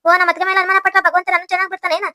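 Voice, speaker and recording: A woman acts out a shrill, rapid-fire village scold from a cartoon, tearing into her family with a North Karnataka Kannada accent. The voice sits very high and races along, bright and sharp, in a close, dry recording. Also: level tone, no room sound, faint music behind, full character voice. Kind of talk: cartoon voice acting.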